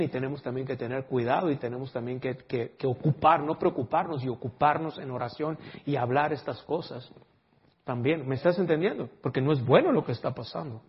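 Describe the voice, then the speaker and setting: Man, preacher, husky voice, fairly high pitch, dull lo-fi recording. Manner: lively, acts out quoted dialogue; mixes in English words. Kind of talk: sermon.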